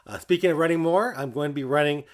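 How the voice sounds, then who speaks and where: A man's voice: fairly high pitch, quick pace. A man chatting casually to his viewers as a running vlogger. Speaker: running vlogger and channel host.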